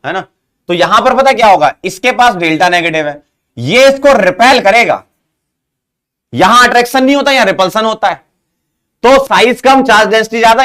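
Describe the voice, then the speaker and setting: Man teaching chemistry, coaxing, higher voice. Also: a bit bright, clean tone. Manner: coaxing, asks students questions and praises them. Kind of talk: online chemistry lesson.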